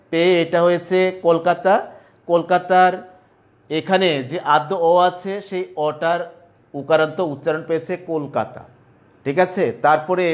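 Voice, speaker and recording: A male teacher giving an online grammar lesson at a board, dictating slowly and repeating terms piece by piece. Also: sits high. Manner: slow, repetitive dictation, spelling out terms piece by piece.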